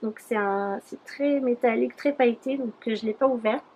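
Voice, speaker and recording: A woman's voice: a little high, normal speed, darkish tone, slight background noise, poor audio. A young woman chatting casually through a beauty haul vlog, rambling with many fillers. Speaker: beauty YouTuber.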